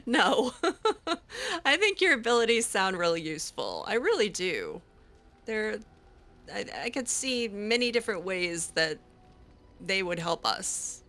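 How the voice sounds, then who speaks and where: A woman takes on the role of an inquisitive young mage, her player character, talking casually in character with lots of ums and restarts. Her medium-pitched, slightly bright voice swings widely in pitch, and she keeps a measured pace broken by long pauses.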